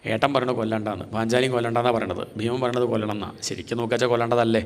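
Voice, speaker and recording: A man's voice: mid-range voice, steady tone, rapid-fire, long reverb tail, pitched below the performer's own voice, close to an everyday voice. A man voicing a torn young warrior prince asking his god what he should do. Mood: troubled.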